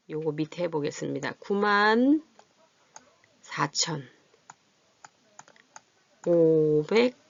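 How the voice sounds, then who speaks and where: Speaking with vocal fry in a fairly low voice, a woman teaching adult literacy patiently explains how large numbers are read and written. She keeps checking that her learners understand and stretches out her counting while she writes. The recording is dull, dry and lo-fi.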